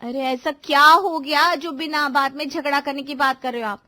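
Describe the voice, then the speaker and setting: A woman's voice: high voice, fairly even intonation, moderate pace, sharp tone, pitched above the performer's own voice. A woman voicing a young newlywed wife who argues back defensively with her husband. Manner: defensive, exasperated. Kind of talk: Hindi cartoon voice acting.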